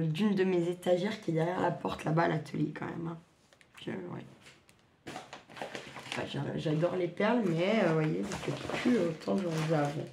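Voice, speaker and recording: A woman talks in a fairly low, gravelly voice, her sibilants softened by a lisp. She chats informally and bluntly, drifting from one aside to another like a craft vlogger. The recording has clear background noise. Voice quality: lisping, slightly slurred sibilants from dental appliance. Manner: colloquial, digressive, blunt. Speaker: craft video host. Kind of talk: casual rambling chat to viewers.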